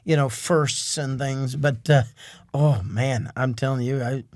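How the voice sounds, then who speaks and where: A man's voice: medium pitch, steady tone, unhurried, darkish tone, no room sound, studio quality. A man co-hosting a casual podcast, talking in an earnest, reflective way with lots of trailing asides. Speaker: podcast co-host.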